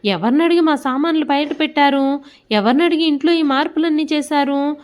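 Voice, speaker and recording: Woman doing a sharp-tongued daughter-in-law, loud and high, storybook read. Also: normal speed, lightly acted. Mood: angry. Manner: shouting, indignant.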